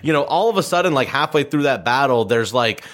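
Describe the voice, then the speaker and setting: A man co-hosting a podcast in a casual discussion. He speaks at a middling pitch and rambles with lots of uhs and ums, swearing freely. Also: animated, brisk, fairly bright tone. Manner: rambling, filler-heavy, profane. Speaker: podcast co-host.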